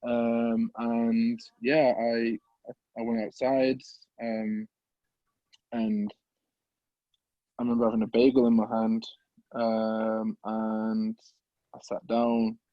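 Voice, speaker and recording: A young man from the Midlands, a podcast guest telling an emotional personal story, halting and repeating words as he holds back tears. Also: medium pitch, monotone, dry recording, highs cut off. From English Midlands.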